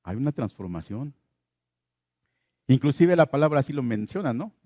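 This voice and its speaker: Warm-voiced man preaching a sermon. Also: mid-range voice, sing-song, normal speed, no room sound, clean studio sound. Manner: preaching with questions to the congregation, repeating key phrases. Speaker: pastor.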